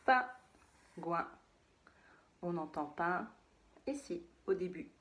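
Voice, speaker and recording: A woman teaching a phonics lesson to young children, saying words slowly and repeating them, sometimes in a whisper. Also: fairly low pitch, expressive.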